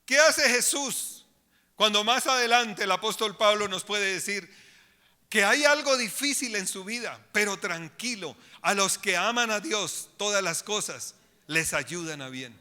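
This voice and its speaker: A man's voice: high-pitched, lively intonation, a little slow, bright, forceful tone, big-room sound. A man preaching a sermon as pastor, with emphatic delivery, addressing the congregation directly in a church.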